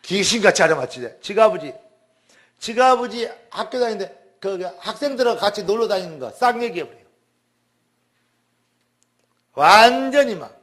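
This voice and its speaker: Male pastor, high-pitched, emphatic storyteller, repeats words for stress. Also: lively intonation, a little fast, a bit bright. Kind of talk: sermon testimony.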